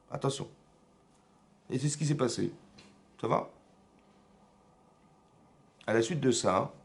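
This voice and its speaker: A man, a rabbi, teaching a lively Torah class in a synagogue, telling the story with energy and often checking in with his listeners. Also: lowish voice. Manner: animated storyteller who keeps checking in with the audience; acts out dialogue between biblical figures.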